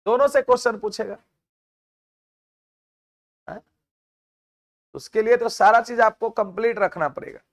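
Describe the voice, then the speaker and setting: A man with a noticeably high voice and a Bihari Hindi accent teaches a math class. He talks in a chatty way, scolds his students and keeps asking rhetorical questions. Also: fairly even intonation, unhurried, pauses often. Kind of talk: classroom lecture with side talk.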